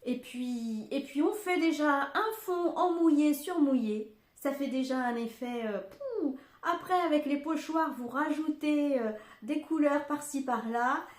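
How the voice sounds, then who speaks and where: A woman's voice: high-pitched, measured pace. An older woman hosting a craft podcast from home, chatting casually and rambling with lots of fillers and asides. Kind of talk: casual chat. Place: home room. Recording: echoey room.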